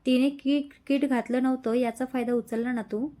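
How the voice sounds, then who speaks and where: Brief: woman narrator doing a fussy, scolding young woman friend in an audio story, mellow voice. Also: sits high, steady tone, normal speed, natural voice. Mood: fussing. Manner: scolding, fussing.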